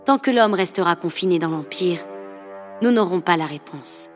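Low-voiced woman reading a novel. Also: lively intonation, normal speed, soft background music. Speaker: audiobook narrator. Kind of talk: scripted narration.

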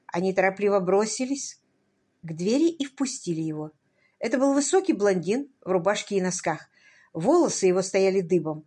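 Woman, audiobook narrator, mid pitch, even scripted storytelling.

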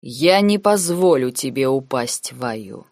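A woman reading the lines of a cold, calculating noble uncle in an audiobook, measured and sarcastic. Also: very deep voice, lively intonation, darkish tone, dry recording, studio quality, heavily acted. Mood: cold, lecturing. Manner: measured, lazy, coldly sarcastic.

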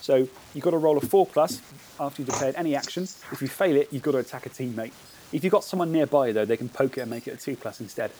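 A man hosting a casual podcast, chatting in an animated way and explaining things at length. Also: mid-range voice, fast talker, slight background noise, rough recording. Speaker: podcast host.

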